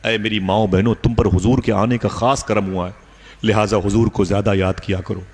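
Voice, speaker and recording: A male preacher delivering a storytelling sermon with a low-pitched voice. His delivery is emotive and dramatic, and he addresses the listeners directly. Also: steady tone, normal speed, a little mellow.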